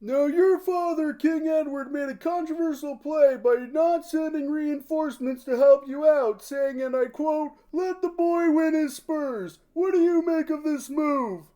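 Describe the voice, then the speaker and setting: A man's voice: very high voice, unhurried, hardly any pauses, warm tone. A man playing an earnest field news reporter interviewing at a medieval battle in a mock TV news style. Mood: eager, probing.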